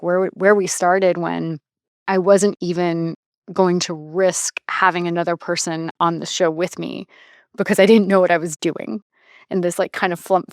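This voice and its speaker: A woman's voice: on the low side, no echo, clean studio sound. A woman in her thirties hosting a podcast, talking in a reflective, chatty way that often trails off and restarts. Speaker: podcast host. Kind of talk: casual podcast conversation.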